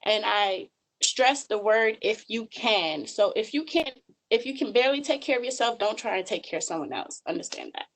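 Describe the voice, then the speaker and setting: Speaking briskly in a slightly high, animated voice, a Georgia woman in her 20s presents webinar slides. She's earnest and says um a lot, and the audio is rough.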